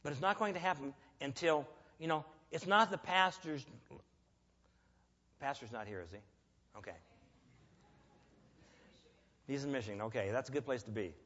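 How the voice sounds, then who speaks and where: A man preaching a sermon in a church, earnest and emphatic, telling a personal story with pauses. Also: mid-range voice, a bit bright. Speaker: lay preacher. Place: church sanctuary. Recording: echoey church hall, dull lo-fi.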